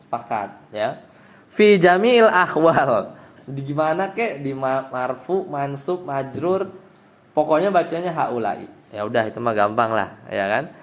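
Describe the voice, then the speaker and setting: A man's voice: mid-range voice, lively intonation, measured pace. A man, an Islamic teacher, explaining Arabic grammar to a class, patiently checking that his students follow. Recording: dull lo-fi sound.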